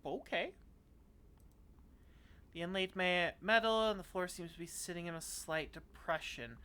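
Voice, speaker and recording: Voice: mid-range voice, a little slow, bright, forceful tone, clean tone. A game streamer giving casual, wry and playful commentary while playing and reading game text aloud.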